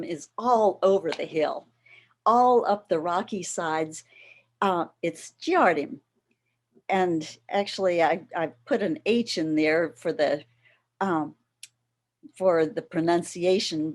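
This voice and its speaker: Middle-aged woman, workshop presenter, lowish voice, very slow and deliberate delivery. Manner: slow, explanatory, with soft laughs. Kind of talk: educational talk on plant foods.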